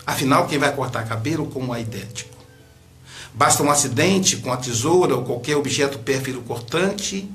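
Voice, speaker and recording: A man's voice: medium pitch, a bit bright. A man with a Brazilian accent telling an emotional story in a talk, his voice swelling and dropping for effect. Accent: Brazilian Portuguese. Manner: dramatic, with sudden swells and drops in volume. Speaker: speaker.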